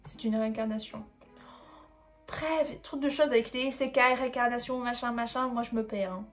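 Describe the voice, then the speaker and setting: Woman vlogger, fairly high voice, chatty and rambling, faint music behind. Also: normal speed. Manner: chatty, rambling, fillers like bref and voilà. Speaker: manga reviewer. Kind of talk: casual chat about a manga haul.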